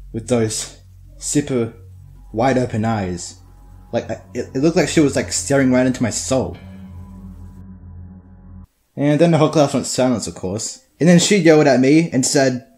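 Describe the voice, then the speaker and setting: Teen boy, mid-pitched, profane and rambling, casual storytelling. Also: darkish tone. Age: teenager. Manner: crude, profane, rambling with many restarts.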